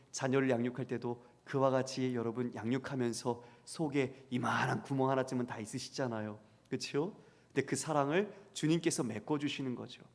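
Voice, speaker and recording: A man preaching as a pastor who asks the congregation questions and acts out the voices he quotes. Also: medium pitch. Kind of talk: sermon. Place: church sanctuary. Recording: long church hall reverb.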